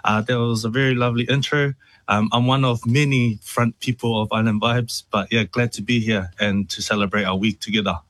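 A man's voice: mid-range voice, fairly even intonation, brisk, a bit bright, no room sound. A young man from New Zealand, a musician being interviewed, talking casually with many fillers. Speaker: musician guest.

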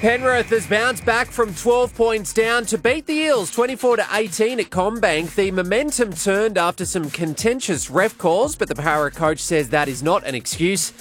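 A man's voice: high-pitched, lively intonation, normal speed, few pauses, fairly bright tone. An Australian man reading a scripted breakfast radio news bulletin as newsreader. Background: music bed.

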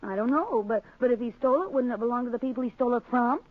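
Casting: woman playing plain-spoken, fretful American wife, high voice, vintage radio drama, phone-like recording. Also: racing, dry recording, close to an everyday voice. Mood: doubtful, worried. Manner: hesitant, questioning, folksy grammar. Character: naive, anxious, plain-spoken working-class young wife. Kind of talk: old-time radio drama acting.

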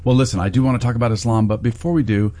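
A man's voice: mid-range voice, steady tone, very fast, mellow. A man hosting a faith talk show, interviewing a guest and often affirming her with amens. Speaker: host.

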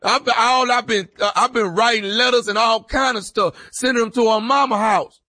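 A man puts on an agitated prison inmate making a payphone call for a prank. His voice is high and sharp, with a dry, close sound. He presses his point insistently and repeats himself. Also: steady tone, normal speed, no room sound, full character voice. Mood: distressed, indignant. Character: agitated male prison inmate calling about his old girlfriend.

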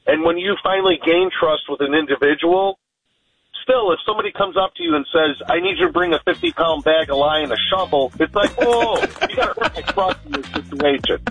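A man's voice: high voice, huge pitch swings, a little fast, vocal fry, a bit bright, slightly rough, soft background music. A man calling in to an AM talk radio show over a phone line, emphatic and repeating his words as he makes his point. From Chicago area, United States. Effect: narrow phone line heard on AM radio. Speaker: radio call-in caller. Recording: tinny dry phone line.

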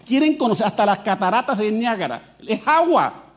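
A Colombian man with a Colombian accent preaches as a pastor in a high-pitched voice at a moderate pace. He's animated and joking, speaking directly to the congregation.

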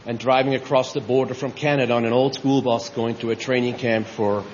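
A middle-aged man from Switzerland giving a reflective, halting personal speech as a new citizen in a large tent. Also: medium pitch, slight background noise. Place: large tent at an outdoor ceremony. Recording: reverberant dull audio with faint ambience.

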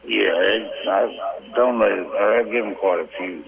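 A man's voice: fairly low pitch, a little slow, gravelly, a crowd in the background. A man calling in to an AM radio show, chatting in an easygoing, folksy way over a phone line. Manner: folksy, easygoing plain talk. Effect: AM radio call-in sound over a phone line. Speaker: radio call-in caller. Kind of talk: casual chat.

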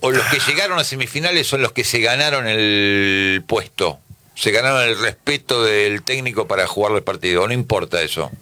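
A man's voice: on the low side, normal speed, bright, forceful tone. A man with a Rioplatense Spanish accent hosting a casual football chat, asking questions and often repeating his words. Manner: asks questions, repeats words, fills with "este". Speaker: host. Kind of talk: casual sports panel chat.

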